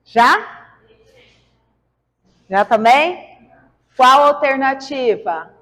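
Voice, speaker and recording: A woman's voice: high voice, expressive, very slow, fairly bright tone, in a large hall. A woman teaching biology, running a quiz with her class and coaxing answers out of the students in a playful way. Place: large classroom.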